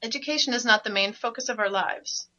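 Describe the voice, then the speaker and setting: A woman's voice: a little high, fairly quick, bright, forceful tone. A woman hosting a radio show as a parenting coach, talking passionately and emphatically, often with a laugh. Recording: dull, lo-fi radio recording.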